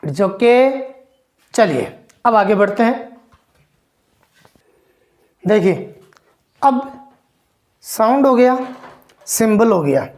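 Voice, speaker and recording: A woman's voice: mid-range voice, animated, darkish tone. A woman teaching an English phonetics lesson, going through sounds one by one, repeating them and asking the class questions. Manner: slow, repeats each sound and quizzes listeners.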